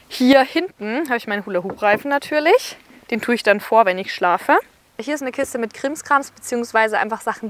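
A woman's voice: fairly high pitch, a little hiss or hum. A young woman in her twenties chatting upbeat to a handheld camera, outdoors and inside a small car, thinking aloud as she talks. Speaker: travel vlogger. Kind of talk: casual vlog talk to camera.

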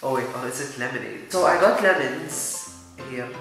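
A teenage boy from Dubai with an Arabic accent, a YouTuber, rambles goofily and mocks himself through a casual do-it-yourself vlog in a small indoor room. His voice is medium-pitched and a bit bright at a moderate pace. The camera mic is close, but the audio is poor, with heavy reverb and faint music behind.

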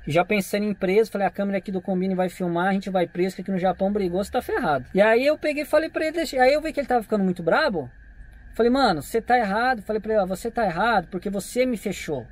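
A man with a Brazilian Portuguese accent, a vlogger retelling a run-in to his camera in a casual, animated way, acting out both sides of the dialogue. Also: high voice, very fast. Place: parked outside a convenience store.

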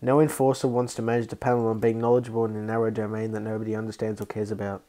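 A man's voice: lowish voice, flat delivery, racing, mellow. A man hosting an online card game with friends, reading the cards aloud and teasing the others with frequent laughs. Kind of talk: casual online game chat.

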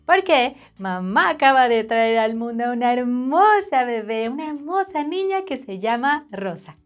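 A woman reading a storybook to children in an animated, sing-song way, speaking straight to the child. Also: fairly high pitch, measured pace, highs cut off, soft background music.

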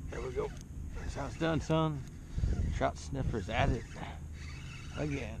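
A man's voice: medium pitch, unhurried, gravelly. A man hosting a fishing vlog, talking casually and jokingly while paddling a kayak outdoors, recorded on an action camera. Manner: relaxed, joking banter. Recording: wind and water noise outdoors.

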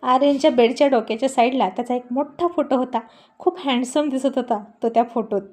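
A woman's voice: high-pitched, a little fast. A woman narrating a serialized love story, voicing every character expressively. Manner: expressive, acts out all characters.

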